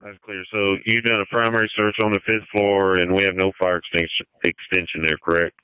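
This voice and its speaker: A man's voice: deep voice, level tone, fairly quick, bright, forceful tone, clear, resonant tone, no room sound. A man giving terse orders as a fire incident commander over a two-way radio. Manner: terse, directive. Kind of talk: firefighter radio dispatching. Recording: dull, band-limited fire radio channel.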